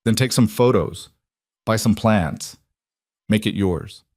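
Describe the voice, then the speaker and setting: A steady, encouraging single dad speaks calmly in a storybook, as a male narrator voices him. His voice is low and even. The recording is dry and close. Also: takes it slowly, dry recording. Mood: reassuring.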